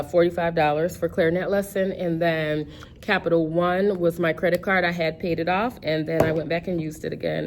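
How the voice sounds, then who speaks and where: Woman, 50s, low voice, casual rambling vlogger, faint background noise. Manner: rambling, self-correcting, many fillers. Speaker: personal finance vlogger. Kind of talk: casual budgeting chat.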